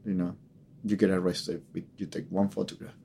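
A man's voice: low-pitched, flat delivery, fairly quick, creaky, warm tone, a little hiss or hum, voice pushed down. A man voicing a stern male police officer who gives curt, threatening orders.

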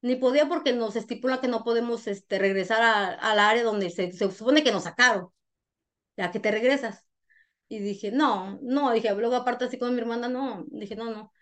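A Mexican woman with a Mexican accent, a guest telling her life story in an interview, animated and frank, acting out what others said. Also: fairly high pitch, normal speed. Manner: animated storyteller who acts out other people's lines; frank, uses crude slang.

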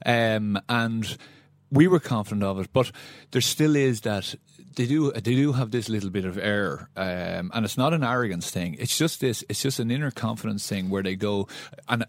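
A man's voice: lowish voice, expressive, normal speed, few pauses, dry recording. An Irish man giving casual sports analysis as a former player turned pundit. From County Meath, Ireland. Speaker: former Gaelic footballer, pundit.

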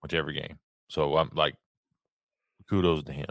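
Low-voiced man, casual podcast host. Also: flat delivery, brisk, creaky, no room sound. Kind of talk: casual chat.

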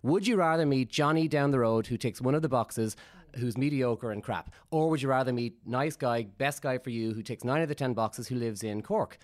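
A man's voice: medium pitch, normal speed. An Irish man co-hosting a podcast as a matchmaker, chatting casually and acting out his callers in quoted voices. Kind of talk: casual chat.

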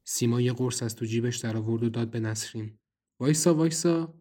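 A man who is both narrator and writer tells a horror audio drama in the first person, voicing his own character's lines in a tense, wary way. His voice is medium-pitched, monotone and dark.

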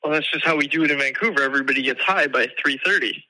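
A man's voice: on the high side, very fast, pushed and bright, no room sound, rough recording. A man heard over a speakerphone call as an impromptu podcast guest, bantering casually and riffing jokes.

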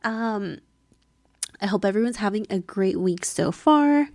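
A woman in her twenties hosting a casual solo podcast, chatty and informal, speaking softly and close, right in the listener's ear. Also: medium pitch, animated, measured pace, dry recording. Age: 20s. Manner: chatty, informal, filler-heavy. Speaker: podcast host.

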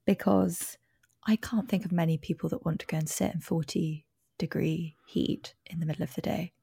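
Woman, travel journalist, from devon, enthusiastic, wry, gravelly low voice. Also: steady tone, normal speed, warm tone, no room sound, clean studio sound. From Devon, England. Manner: chatty, enthusiastic, with wry asides. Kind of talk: casual podcast chat.

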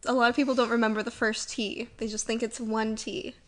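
Woman co-host, casual chat, higher-pitched voice, chatty delivery with frequent laughs. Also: flat delivery, brisk, fairly bright tone. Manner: chatty, laughs often, drops to a low aside.

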